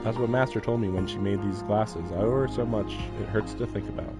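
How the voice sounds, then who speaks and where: In a lowish voice and at a slightly quick clip, a man reads through a visual novel on a live stream, thinking aloud and poking wry fun at himself. Faint game music plays beneath this casual let's-play commentary.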